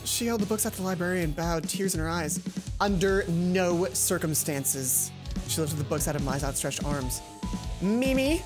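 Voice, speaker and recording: Hosting a let's play of a visual novel, a woman reads the narration aloud and drops in casual asides, with game music clearly audible beneath her. Her voice is low and fairly even, and she talks fast with few pauses.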